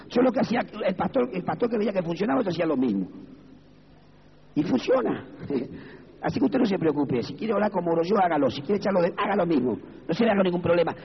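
A man with an Argentine Spanish accent preaching a lively, folksy sermon in a church hall, breaking into high shouted bursts. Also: fast, gravelly. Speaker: evangelical preacher. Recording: dull echoey hall recording.

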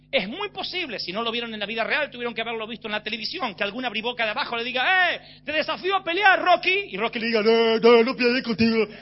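Male preacher, high register, forceful sermon delivery, muffled lo-fi sound with a light hum. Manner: emphatic, rising to shouts. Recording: slightly dull with faint hum.

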